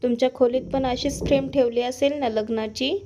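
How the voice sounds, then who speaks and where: A defiant young bride, bitter and resentful, firing off sharp questions in a rather high voice, as a woman storyteller reads her lines. She keeps a fairly flat, even tone while scolding. It sounds like a retold serial episode. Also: brisk, a little hiss or hum, lightly acted.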